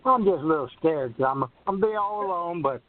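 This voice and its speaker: Caller: anxious man on the phone, slightly high, earnest, tinny line. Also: lively intonation, brisk, no room sound. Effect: over the phone.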